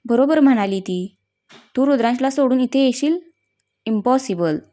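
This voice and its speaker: A woman's voice: sits high, animated, normal speed, warm tone. A woman voicing a pouting, sensitive young woman. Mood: plaintive.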